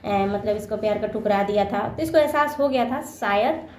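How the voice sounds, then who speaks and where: A woman's voice: mid-range voice, moderate pace. A young woman vlogger telling a personal story to her viewers in a chatty way, repeating phrases and acting out what people said. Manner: chatty, repeats phrases, acts out quoted lines. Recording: echoey room with faint ambient noise.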